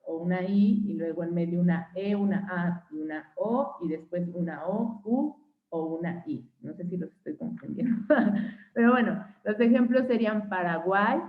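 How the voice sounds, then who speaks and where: A young woman with a Mexican accent leads an online class, her voice sitting a little low. She works through examples slowly and keeps checking that her listeners follow. The sound is narrow and tinny, like a phone line. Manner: checks in with frequent "¿sí?" and "¿va?"; patient, spells out examples slowly. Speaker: teacher.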